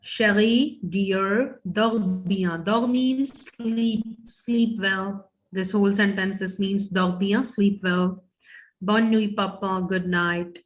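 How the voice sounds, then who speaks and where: A woman's voice: medium pitch, steady tone, slow. A woman teaching French over a video call, explaining each phrase in English and quizzing her students. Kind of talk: online class teaching.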